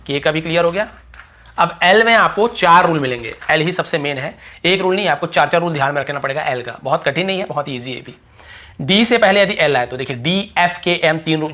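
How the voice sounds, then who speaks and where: Guy teaching english, stretches out each example word and repeats it, keeps asking if it's clear. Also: fairly high pitch, pushed and bright. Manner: repeats example words slowly, drawn out, several times; asks the viewer quick check questions. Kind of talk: spoken language lesson.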